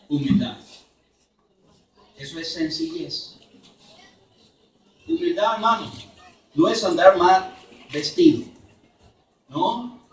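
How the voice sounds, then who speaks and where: A man from Mexico preaching a sermon at a church conference, emphatic, then dropping to soft low asides. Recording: roomy echo, from far off.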